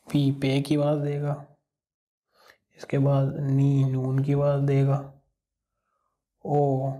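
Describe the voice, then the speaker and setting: A man with a Pakistani Urdu accent walks through an alphabet lesson at an unhurried pace. His voice is dark and mellow and stays almost perfectly level, and he patiently repeats each sound. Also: medium pitch. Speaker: language teacher.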